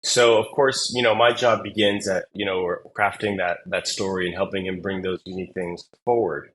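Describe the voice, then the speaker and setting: A man's voice: deep voice, normal speed, slight background noise. A man working as an admissions consultant, telling stories in a casual interview with lots of fillers and restarts. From Singapore. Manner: animated storyteller with many fillers and restarts.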